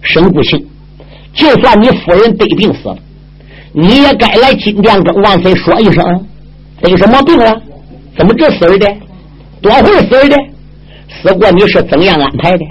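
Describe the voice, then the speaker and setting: A man's voice: high-pitched, lively intonation, normal speed, long pauses, breathy edge, highs cut off. A male storyteller voicing a stern, upright old judge who presses his questions hard. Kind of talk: traditional storytelling, acted dialogue.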